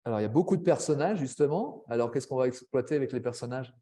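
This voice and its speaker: A man giving a webinar presentation to language teachers, chatty, with frequent tag words and quick asides. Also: mid-range voice, expressive, warm tone. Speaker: French language teacher trainer.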